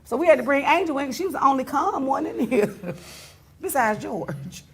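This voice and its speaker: A woman's voice: high-pitched, lively intonation, moderate pace. A woman hosting a casual talk show, teasing her guest and laughing often as she talks.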